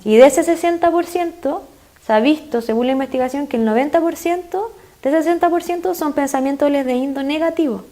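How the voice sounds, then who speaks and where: A woman with a Chilean Spanish accent appears as a guest expert in an interview, explaining things earnestly with frequent fillers. Her voice sits high and has a dark tone, and she talks fairly quickly.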